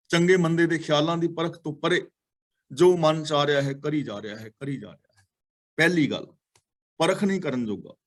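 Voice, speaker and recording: A man teaching a class on Sikh scripture. He reads each verse slowly and then explains it in earnest, repeating its key words. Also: fairly high pitch.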